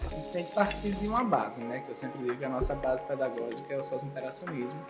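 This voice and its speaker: An earnest school coordinator from Sergipe, Brazil, explains things as an interview guest, acting out what parents say. She speaks fast in an extremely low voice, recorded in an echoey room with background music.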